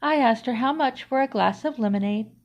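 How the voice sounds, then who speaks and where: A woman narrating a first-person story in a plain, even storytelling manner. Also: a little high, brisk. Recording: slightly dull, lo-fi audio.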